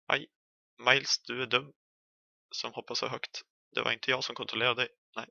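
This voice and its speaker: Young Swedish man, gravelly and bright, casual horror let's play chatter with yelps. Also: medium pitch, no room sound, dull audio. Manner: chatty, jokey, yelps and shouts when chased. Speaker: gaming streamer.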